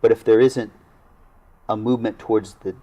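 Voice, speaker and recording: Mellow, low-voiced man official. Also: fairly even intonation. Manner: earnest, halting, with frequent restarts. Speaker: local government official. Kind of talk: studio panel conversation. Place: small TV studio.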